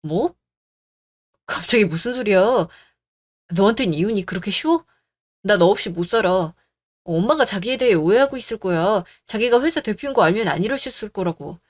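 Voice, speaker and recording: A young husband in a radio drama, as a voice actor plays him, caught between his wife and his mother. He speaks softly and tries to calm both sides. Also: sits high, moderate pace. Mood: placating. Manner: soft, placating.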